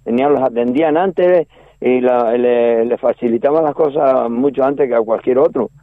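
A man's voice: medium pitch, normal speed, no room sound. An older man with a Canarian Spanish accent, calling in to a radio chat and rambling through old memories with many restarts. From Canary Islands. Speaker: caller. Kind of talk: casual radio phone chat. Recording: tinny phone line.

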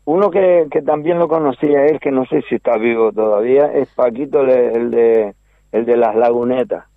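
A man's voice: medium pitch, normal speed, no room sound. An older man with a Canarian Spanish accent, calling in to a radio chat and rambling through old memories with many restarts. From Canary Islands. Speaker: caller. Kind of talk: casual radio phone chat. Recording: tinny phone line.

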